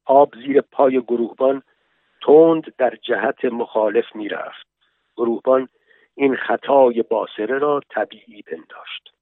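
A man narrating a literary story in a measured, slow storytelling manner, heard over a tinny radio broadcast. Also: medium pitch, dry recording.

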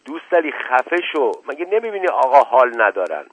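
A man voicing a mocking, quick-witted nobleman who talks in a teasing, sharp-tongued way, on a tinny, dry radio recording. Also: medium pitch, animated, dry recording, pitched above the performer's own voice.

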